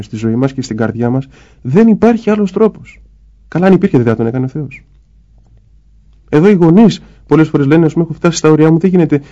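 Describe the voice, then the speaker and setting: Man, priest, spiritual conversation, warm mellow tone, slightly high voice, explanatory, muffled recording. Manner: explanatory, acts out little dialogues. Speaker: Orthodox priest guest.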